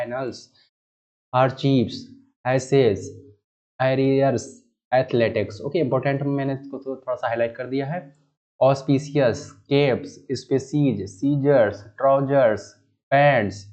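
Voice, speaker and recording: A man's voice: mid-range voice, a little mellow. Male teacher, mid-range voice, patient classroom lecture, slightly muffled recording. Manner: explains patiently, often addresses students directly. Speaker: grammar teacher.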